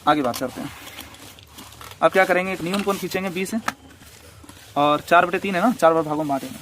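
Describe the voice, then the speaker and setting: A man's voice: sits high, fast talker, background noise. A man teaching a maths lesson step by step, repeating each step and asking rhetorical questions as he draws.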